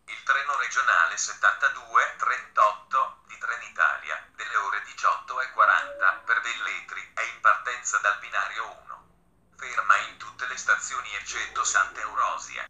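A man with a standard Italian accent reads a flat, formal railway station announcement. His voice is fairly low yet extremely bright and crisp-edged, with measured, impersonal phrasing. The sound is clearly roomy and echoing, like a public-address system. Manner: impersonal, measured, segmented phrasing of set messages.

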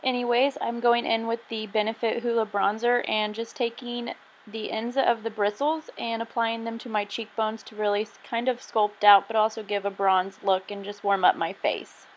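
A woman's voice: fairly high pitch, little pitch movement, moderate pace, muffled recording, slight background noise. A young woman casually narrating her makeup tutorial in a chatty, self-deprecating way. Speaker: beauty vlogger.

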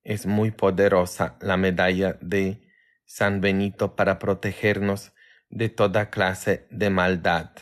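Slow-talking priest with a Polish accent. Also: male voice, flat delivery. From Poland. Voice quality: low-key, tired-sounding delivery. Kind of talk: casual livestream chat.

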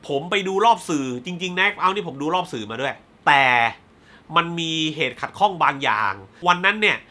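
Male film reviewer, casual spoiler recap, bright edgy tone, hot-tempered and profane, acts out the dialogue. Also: a little high, animated. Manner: blunt, heated, swears freely then apologizes; retells scenes with quick acted-out dialogue. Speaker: movie reviewer.

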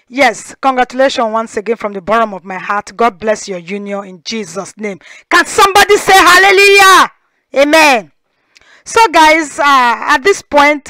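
Nigerian lady ranting on her talk show, high voice, dry close sound. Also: no echo. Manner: animated, rhetorical, mixes Pidgin and Yoruba. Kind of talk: casual commentary monologue.

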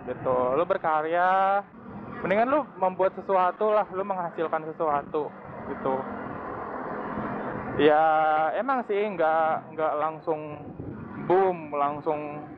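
A young man chatting casually while riding a motorcycle through city traffic, slangy and laughing often, through a wired mic inside his helmet. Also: a little high. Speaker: motovlogger. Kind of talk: casual motovlog chat. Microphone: wired earphone mic from phone into helmet. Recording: tinny phone-like mic with loud traffic noise. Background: traffic and engine noise.

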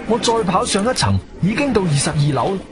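This studio radio drama, with music in the background, features a male actor in the role of an agile, martial-arts-trained adventurer telling his own story in Cantonese. He speaks briskly in a high-pitched voice, and his narration is animated, suspenseful, urgent and intense.

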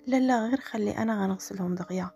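Woman putting on a young Moroccan woman, suspicious, pushy, raised voice, quick. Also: mid-range voice, gravelly, mellow, muffled recording, soft background music, natural voice. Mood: questioning.

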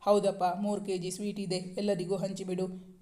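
A man voicing a caring mother and new grandmother, in an even storytelling tone. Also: sits high, normal speed, close to an everyday voice.

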